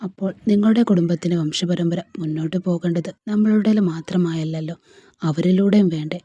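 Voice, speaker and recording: A woman's voice: on the low side, brisk, warm tone, highs cut off, a little hiss or hum, natural voice. A woman reading a storybook part of a young wife who answers her husband with firm questions. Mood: defiant.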